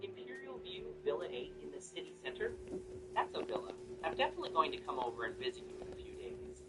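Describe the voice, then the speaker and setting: A man's voice: a little high, huge pitch swings, fast, heavy background noise. A man reading the part of a young woman's nosy, teasing best friend in a narrated story. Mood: curious.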